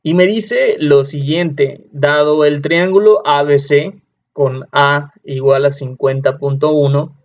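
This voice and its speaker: A man's voice: fairly high pitch, fairly even intonation, takes it slowly. A man, teaching a math lesson patiently, often repeating and correcting himself. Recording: dull lo-fi sound.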